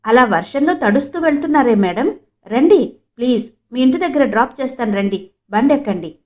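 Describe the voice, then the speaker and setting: A woman's voice: on the high side, animated, a little fast, pitched above the performer's own voice, natural voice. A woman voicing a polite young male colleague who pleads with her to accept a ride. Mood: pleading.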